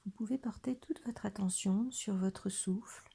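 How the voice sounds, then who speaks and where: The meditation guide, a woman, speaks at a medium pitch as she leads a body scan. Her voice is soft and breathy, nearly a whisper, calm and gentle, with long silences left in between.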